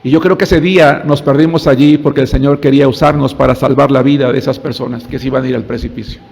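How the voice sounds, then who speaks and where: In a church sanctuary with long hall reverb, a male pastor tells a story during his sermon, often calling out to listeners and repeating words as he searches for them. His medium-pitched voice is quick and steady in tone, a little mellow, slightly rough, with vocal fry.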